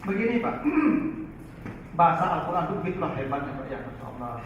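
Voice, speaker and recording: A man teaching in a lively Quran study lecture, often turning to his listeners. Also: a little high, brisk. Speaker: religious teacher. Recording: echoey far-off hall, dull lo-fi, faint noise.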